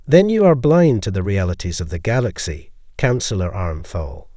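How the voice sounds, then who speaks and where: A man reads a resolute female ambassador in an audio story. She speaks firmly and formally, with lively rises and falls. The sound is dry and close. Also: low voice, normal speed, no echo. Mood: steely. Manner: firm, formal, steely.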